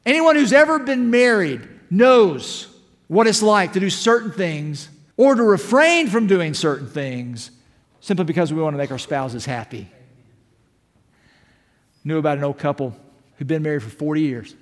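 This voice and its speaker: High-voiced pastor preaching in a hall. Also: male voice. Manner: impassioned preaching, rising to shouts, rhetorical questions. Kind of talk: sermon. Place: church sanctuary. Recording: long hall reverb.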